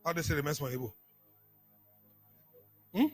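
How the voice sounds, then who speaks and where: A man preaching a sermon, calling out to the congregation and repeating phrases, swinging from hushed asides to shouts. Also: a little high, brisk, soft background music. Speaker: apostle preaching.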